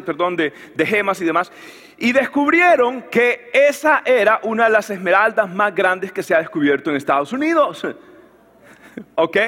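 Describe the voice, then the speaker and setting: A man preaching a sermon as pastor, animated, building to shouts, with frequent restarts. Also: high voice, in a large hall.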